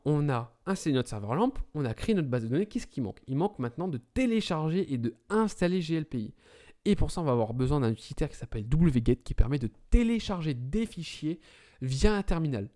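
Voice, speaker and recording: A man's voice: medium pitch, warm tone. A man talking through a computer setup tutorial step by step, correcting small slips as he goes. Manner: talks through commands step by step, with self-corrections. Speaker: tutorial presenter. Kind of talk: screen-recorded IT tutorial.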